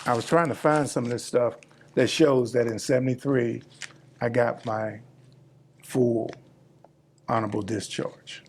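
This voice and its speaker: An elderly man, a veteran in his seventies, reminiscing plainly in a casual interview, pausing as he recalls details. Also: mid-range voice, steady tone, creaky, slight background noise. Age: 70s. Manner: old veteran remembering, plain-spoken, halting recall.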